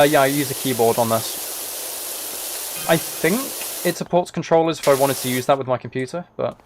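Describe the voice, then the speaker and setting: This is a man with a medium-pitched voice, heard over a noisy background. He's streaming a video game live, chatting loosely and thinking aloud in a rambling manner.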